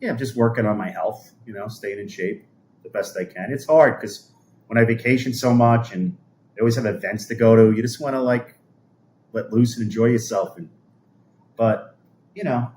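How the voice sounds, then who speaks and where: This man in his 50s from New York City chats on a livestream, taking viewer comments in a rambling, conversational manner that frequently tapers off. He speaks at normal speed with frequent pauses, in a lowish, slightly mellow voice.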